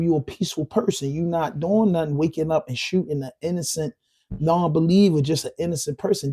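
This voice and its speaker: Riffing loosely to his chat, a man from Baltimore hosts a livestream podcast in a dark, mellow voice pitched a little high for a male. His commentary is heated, emphatic street talk that keeps looping back over the same points.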